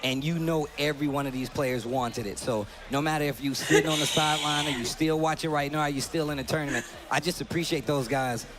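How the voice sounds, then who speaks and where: Male caster, slangy crowd-pumping commentary, slightly high voice, audible crowd noise. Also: brisk, few pauses. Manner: hypes the crowd, casual slangy talk. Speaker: event commentator. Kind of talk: live tournament commentary. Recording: live arena broadcast with crowd noise.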